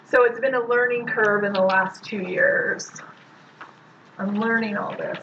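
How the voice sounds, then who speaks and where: A woman's voice: medium pitch, steady tone, measured pace, vocal fry. Woman social worker teaching a class, chatty, muffled noisy recording. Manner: casual, conversational, quizzes the audience. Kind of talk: classroom lecture. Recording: muffled lo-fi recording with loud background noise.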